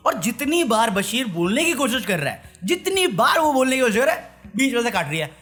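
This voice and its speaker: A man with a notably high voice delivers a biting, sarcastic rant as a commentary vlogger. Faint music plays softly beneath his talk. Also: sing-song. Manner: sarcastic, mocking, rapid rant. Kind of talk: ranting reality show commentary.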